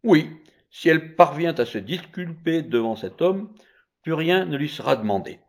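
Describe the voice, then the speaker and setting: An angry, proud judge, as a man reads him in a storybook, loud and threatening. His voice climbs high when he shouts. The pitch moves a lot. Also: animated, normal speed. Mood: stern.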